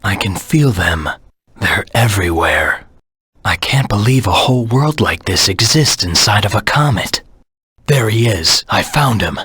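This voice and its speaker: A man voicing a brooding antihero hedgehog in a video game, cold, grim and terse, with a low husky rasp. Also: expressive, measured pace, a bit bright, no echo, clean studio sound, heavily acted. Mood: brooding intensity. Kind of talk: video game character voice acting.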